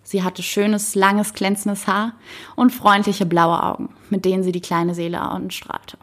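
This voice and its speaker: Woman softly reading a storybook aloud. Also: mid-range voice, level tone, measured pace. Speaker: narrator.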